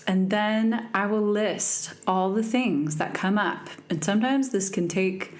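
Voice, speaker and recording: A woman's voice: mid-range voice, measured pace. A young adult woman hosting a podcast, talking earnestly and reflectively about emotions in a casual way, often checking in with "right?". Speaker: podcast host. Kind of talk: casual self-help talk.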